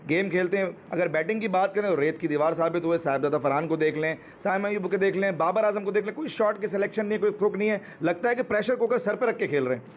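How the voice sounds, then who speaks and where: A man with a Pakistani accent speaks as a critical cricket analyst, running through the players one by one. His voice sits high. Faint background noise is present. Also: fast talker, hardly any pauses. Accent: Pakistani Urdu. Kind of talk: studio panel talk.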